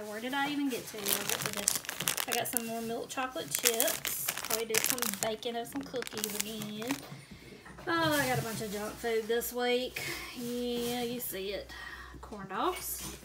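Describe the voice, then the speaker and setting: A chatty middle-aged woman talks casually to her viewers as she holds up items at home, laughing now and then. Her voice sits a little high. It is recorded on a handheld phone, and heavy noise runs behind her the whole time. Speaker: vlogger showing a grocery haul. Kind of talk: casual chat. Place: indoors at home, camera pointed at groceries. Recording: loud background noise.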